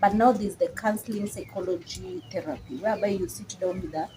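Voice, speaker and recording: A woman's voice: mid-range voice, a little fast, over a noisy crowd, poor audio. A woman with a Kenyan accent explaining things in casual conversation as a psychologist, with emphatic repetition. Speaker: psychologist guest.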